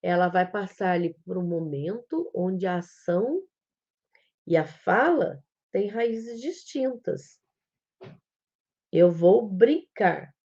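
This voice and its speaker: A woman's voice: lowish voice, animated, dark tone, dull audio. A woman with a Brazilian Portuguese accent giving a live-streamed talk as an educator, explaining things step by step and acting out how a child talks. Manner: explains slowly, acts out a child's speech. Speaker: psychomotricity educator.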